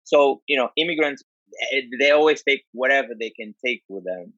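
A man's voice: mid-range voice, animated, fairly quick, fairly bright tone, dry recording. Angolan-accented man explaining, dull lo-fi sound. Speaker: dance culture speaker. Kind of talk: informal explanatory talk.

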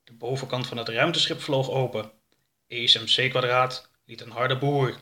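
Bright-voiced male storybook narrator. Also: medium pitch, fairly even intonation, normal speed.

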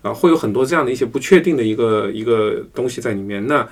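A man's voice: mid-range voice, lively intonation, fast talker. A man as a podcast guest in a casual discussion, talking through ideas patiently and explaining step by step.

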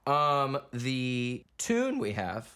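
A man's voice: mid-range voice, drawn-out words, clean tone. A man co-hosting a podcast, talking casually and chiming in with agreements and asides. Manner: relaxed, chimes in with agreement and asides. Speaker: podcast co-host.

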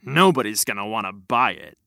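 A storyteller voicing a male town guard who mutters disapproving remarks in a lower voice. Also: animated, fairly quick, gravelly, sharp tone, no echo, clean studio sound. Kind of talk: storybook read-aloud.

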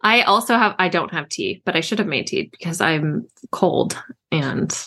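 A woman's voice: sits low, very animated, normal speed, bright, forceful tone, breathy edge. A woman co-hosting a podcast about books, chatting in a bubbly way with many fillers and giggles. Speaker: podcast co-host, author. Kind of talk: casual chat.

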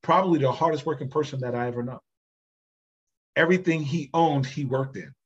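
Male podcast guest, husky tone, slightly muffled recording, emphatic and animated delivery. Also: medium pitch, fairly quick. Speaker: podcast guest, business systems founder. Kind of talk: conversational podcast interview.

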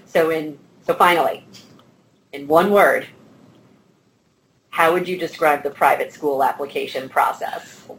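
A woman with a low voice hosts an interview program. There is a little noise behind her as she speaks to guests and listeners. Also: measured pace, pauses often, poor audio. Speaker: podcast host and financial advisor. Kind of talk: interview hosting.

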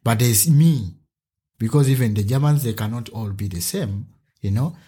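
A man from Uganda, a teacher and podcast guest, talking in an animated conversational interview style. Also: moderate pace, breathy edge. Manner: animated storyteller, acts out a child's voice with a higher pitch.

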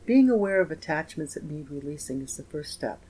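A man narrating a scripted guided meditation in a slow, gentle, soothing manner with pauses. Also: a little high, animated, breathy edge, low-quality recording. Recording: voice over meditation music. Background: soft instrumental music with guitar.

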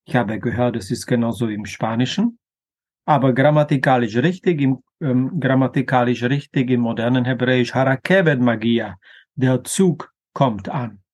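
A man explaining grammar in a careful lecture, pronouncing example words slowly and deliberately, with an occasional filler. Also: mid-range voice, darkish tone. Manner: slow, deliberate, careful pronunciation of Hebrew terms. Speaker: language teacher.

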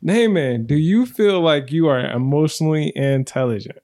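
A man's voice: a little high, moderate pace, warm tone. A man hosting a relationship podcast in casual chat, leading the topic in an easygoing way and laughing often. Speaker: podcast host.

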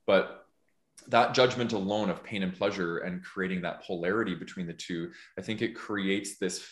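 A man's voice: low voice, normal speed. A man hosting a podcast, talking in a thoughtful, earnest way as he works through an idea, often restarting his sentences. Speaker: podcast host. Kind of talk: casual conversational chat. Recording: echoey room.

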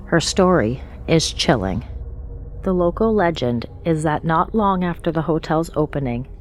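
Low-voiced woman narrating ghost stories. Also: darkish tone. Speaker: narrator of haunted-place stories. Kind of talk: scripted documentary-style ghost story narration.

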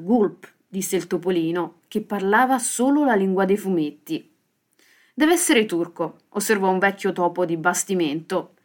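Woman, storyteller, children's story reading, expressive, lively. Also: fairly low pitch. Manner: lively expressive reading with sound-effect words. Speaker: storyteller host.

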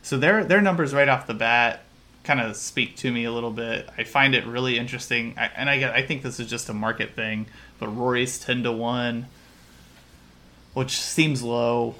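A man's voice: mid-range voice, normal speed, sharp tone. A man co-hosting a casual sports betting podcast, talking in a rambling, analytical way with frequent restarts. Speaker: podcast co-host.

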